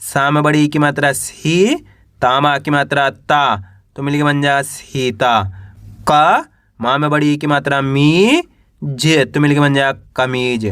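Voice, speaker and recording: A man teaching Hindi reading, spelling out each word slowly and patiently, asking the viewer and then repeating the answer. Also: a little high, fairly bright tone, smooth, no room sound, studio quality. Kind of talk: slow spelled-out reading lesson.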